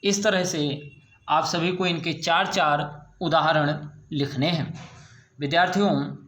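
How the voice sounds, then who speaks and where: Man, teacher, high voice, slow careful delivery, echoey room, drilling questions. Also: steady tone, a bit bright. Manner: slow, drawn-out words with question-and-answer drilling. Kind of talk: online grammar lesson.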